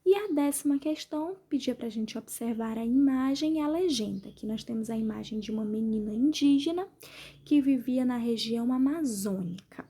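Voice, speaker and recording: A woman teacher from Brazil, patiently going through the answers of an exercise for her class and spelling them out slowly. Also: a little high, lively intonation, dark tone, husky. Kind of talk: remote class lesson, correcting exercises.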